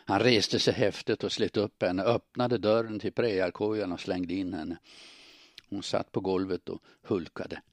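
A man narrating an audiobook in a calm, steady storytelling manner. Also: sits low, no echo, clean studio sound.

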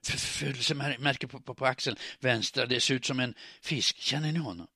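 A man reading an audiobook, voicing a hoarse, frantic young woman who stammers and rushes her words. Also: medium pitch, sharp tone, dry recording, clean studio sound, pitched above the performer's own voice, heavily acted. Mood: tumbling, eager. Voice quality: hoarse, strained.

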